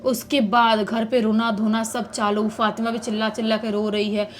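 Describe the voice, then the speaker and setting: A woman narrates a true horror tale in a relaxed, chatty way, with a fairly high voice. Faint music runs underneath. She recounts the events plainly, like telling a friend. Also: moderate pace. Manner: casual, conversational retelling. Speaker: horror storyteller.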